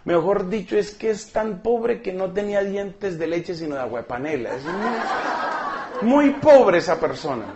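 A man's voice: high-pitched, animated, measured pace, muffled recording, a crowd in the background, background noise. A man preaching a sermon, emphatic and joking, repeating words for effect.

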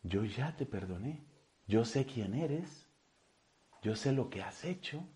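A man preaching a sermon gives voice to God as a loving, forgiving father, speaking gently and intimately. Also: medium pitch, sing-song, unhurried, breathy edge. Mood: tender.

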